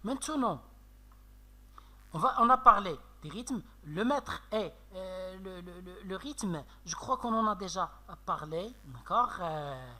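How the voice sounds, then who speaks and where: A man teaching a French literature lesson with a Moroccan French accent, explaining slowly with many fillers and checks of "d'accord?". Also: high-pitched, lively intonation, bright, forceful tone. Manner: slow, explanatory, frequent "euh" and "d'accord?". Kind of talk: classroom lecture on poetry analysis.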